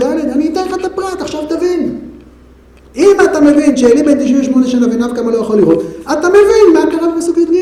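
A man's voice: very high-pitched, mellow, very echoey, low-quality recording. A man teaching a Bible class, building drama by firing off rhetorical questions to his listeners. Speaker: Torah teacher.

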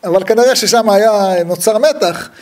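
A man giving a humorous religious talk, telling stories with lively acted-out dialogue and frequent laughter. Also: high-pitched, a little hiss or hum. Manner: lively storyteller who acts out the dialogue; laughs often at his own stories.

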